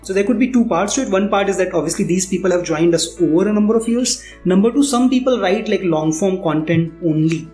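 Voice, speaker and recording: A man with an Indian accent, interviewed as a startup founder, answers questions candidly, explaining and repeating phrases for emphasis. His high voice has a darkish tone, and he talks briskly with few pauses. The recording has a roomy echo with music underneath.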